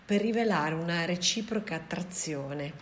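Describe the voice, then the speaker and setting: Woman reading an audiobook, soft even delivery, lowish voice, faint background hiss. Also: normal speed. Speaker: audiobook reader. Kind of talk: scripted narration of a novel.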